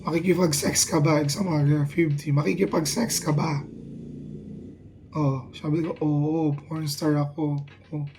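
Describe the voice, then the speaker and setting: Guy vlogging, rambly and halting, kinda high voice but mellow and dark. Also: little pitch movement, a little hiss or hum. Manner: rambling, halting, many restarts. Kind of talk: rambling casual talk to camera.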